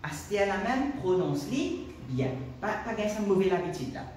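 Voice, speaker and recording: A man's voice: sits high, very animated, darkish tone, far from the mic, a little hiss or hum. Mauritian male teacher, echoey classroom. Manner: drills words slowly and repeats them. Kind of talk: classroom lesson.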